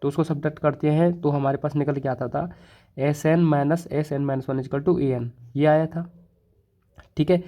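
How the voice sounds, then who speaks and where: A man's voice: on the high side, warm tone. A man teaching a math lesson at the board in a casual, chatty way, with a North Indian accent, mixing English terms into his talk and often repeating little fillers. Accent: Hindi-English code-mixing, North Indian. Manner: chatty, repeats "thoda sa" and "theek hai", many fillers and restarts. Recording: dull, lo-fi mic.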